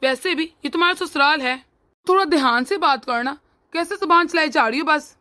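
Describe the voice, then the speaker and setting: A woman's voice: high-pitched, moderate pace, pushed and bright, dry recording. A woman voicing a young husband in a cartoon family drama, scolding his wife sternly. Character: young husband caught between wife and mother. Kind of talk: cartoon voice acting.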